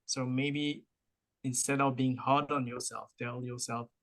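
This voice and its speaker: Bright-voiced man with French-Mauritian accent. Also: medium pitch, flat delivery, a little slow. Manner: encouraging, explains with analogies, repeats for emphasis. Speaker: podcast co-host. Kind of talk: casual motivational podcast talk.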